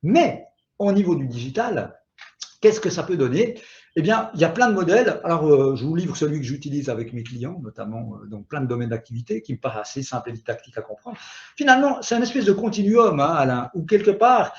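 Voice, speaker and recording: A man's voice: fairly high pitch, animated, fairly quick, highs cut off. A man with a Swiss French accent presenting a webinar on digital marketing, emphatic, with frequent asides. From Switzerland. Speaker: guest speaker on digital marketing.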